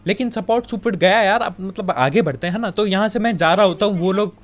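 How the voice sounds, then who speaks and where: A man's voice: high-pitched, fast talker. A young man with a Hindi accent giving casual, joking commentary over his own game footage. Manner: chatty, joking, colloquial filler-heavy. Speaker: gaming commentator.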